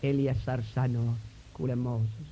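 A man preaching a dramatic sermon story, swinging from hushed tones to impassioned shouting. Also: mid-range voice, flat delivery, a little hiss or hum. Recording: dull lo-fi sound.

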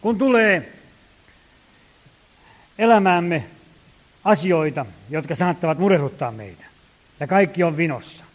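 A man preaching a sermon, reading scripture slowly and emphatically, with folksy storytelling asides. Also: fairly high pitch, lively intonation. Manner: slow, emphatic reading of scripture, rising loud on exhortations.

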